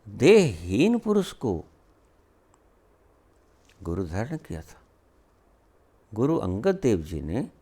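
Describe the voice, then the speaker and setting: Man, spiritual teacher, slow deliberate delivery, lively rising and falling pitch, rhetorical questions, scolding tone. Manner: slow with long pauses. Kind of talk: spiritual discourse.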